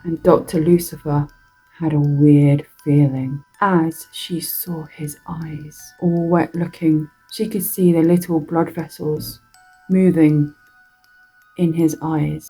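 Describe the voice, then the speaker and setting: Woman, horror storyteller, low husky voice, dark mellow tone, slow deliberate reading. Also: poor audio. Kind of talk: spoken horror story narration.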